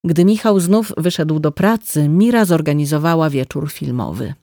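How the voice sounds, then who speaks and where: A woman narrating a novel as a calm, measured audiobook reading. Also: low voice, dry recording, clean studio sound.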